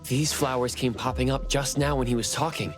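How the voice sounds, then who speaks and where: A man's voice: medium pitch, steady tone, fairly quick, over music, lightly acted. An actor playing an earnest, perceptive young male hero in a video game. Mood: thoughtful. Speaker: main character. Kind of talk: English video game voice acting.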